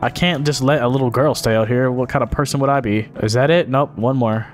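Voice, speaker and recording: A man's voice: mid-range voice, fairly even intonation, a little fast, soft background music. A young man giving jumpy, joking commentary while playing a horror game. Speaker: gaming YouTuber. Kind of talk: let's play commentary.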